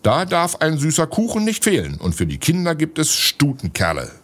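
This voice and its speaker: A man's voice: fairly high pitch, wildly swooping pitch, normal speed, a bit bright, voice pushed up, exaggerated voice. A man voicing a friendly, generous male baker in a storybook, speaking eagerly. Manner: eager, chiming-in speech.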